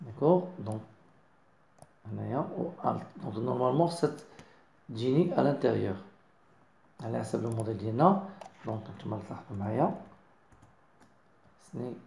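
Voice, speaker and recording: A man with a Moroccan accent giving a software design tutorial, mixing in French words and often checking that viewers follow. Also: mid-range voice, fast talker, creaky, long pauses, roomy sound, a little hiss or hum. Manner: mixes French into explanations, keeps checking understanding. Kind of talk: screen-recorded software tutorial.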